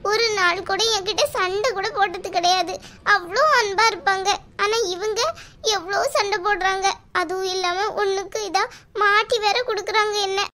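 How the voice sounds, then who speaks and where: A woman doing a gentle young sister in a cartoon with a very high, bright voice. She talks softly and pleadingly, close to tears. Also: steady tone, moderate pace. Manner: soft, pleading, tearful. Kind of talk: cartoon voice acting.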